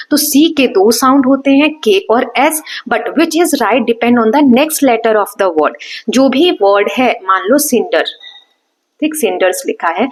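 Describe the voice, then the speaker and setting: Patient Indian woman teaching a class. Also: fairly high pitch. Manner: patient and repetitive, checks in with "है ना". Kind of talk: explaining a textbook lesson in Hindi mixed with English.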